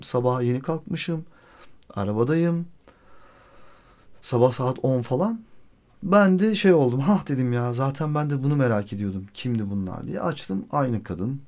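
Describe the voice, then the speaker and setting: A man hosting a podcast tells a story from his own life in a loose, chatty way. His voice is warm and mellow. He acts out what each person said and swears freely. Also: medium pitch. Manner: animated, acts out quoted dialogue. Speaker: podcast host. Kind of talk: casual storytelling monologue.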